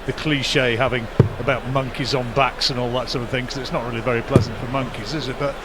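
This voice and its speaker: A man's voice: medium pitch, steady tone, fast talker. A man giving live darts commentary in a conversational, discursive way with wry asides. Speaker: sports commentator. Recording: loud arena noise behind commentary. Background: noisy darts arena.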